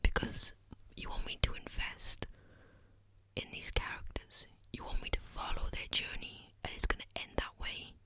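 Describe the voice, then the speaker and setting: Gentle and slow, an ASMR creator's breathy whisper comes from right beside the ear, very close to the microphone. She chats casually and keeps repeating words as she rambles.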